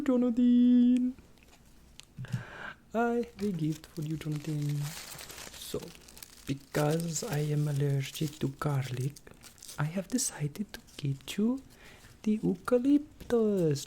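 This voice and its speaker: A woman voicing an eccentric, boastful, excitable vampire in a theatrical, rambling ASMR ASMR role-play, slipping in and out of a breathy soft voice. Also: on the low side, a little hiss or hum. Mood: entranced, doting. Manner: theatrical, chatty, rambling, drawn-out exclamations. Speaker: ASMR performer.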